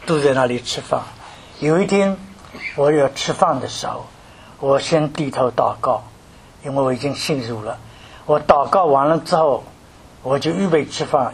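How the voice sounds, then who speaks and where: Older male preacher from mainland China, high voice, asks rhetorical questions, animated delivery. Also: vocal fry, husky. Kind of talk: sermon with personal story.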